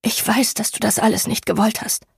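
A woman reading an audiobook, voicing a resolute, guarded young woman in a quiet, firm tone. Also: fairly high pitch, steady tone, a little fast, vocal fry, husky, no echo, studio quality, exaggerated voice.

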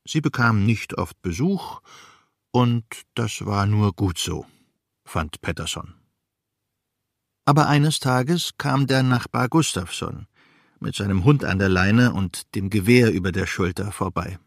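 A man in his sixties narrating a children's storybook in a calm, even manner. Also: lowish voice, unhurried, vocal fry, dry recording, studio quality.

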